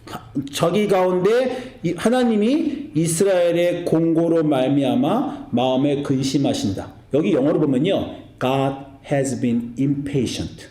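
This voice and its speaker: A man in his forties preaching a sermon as pastor, animated and acting out family quarrels in quoted voices. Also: fairly high pitch, takes it slowly, hardly any pauses, roomy sound.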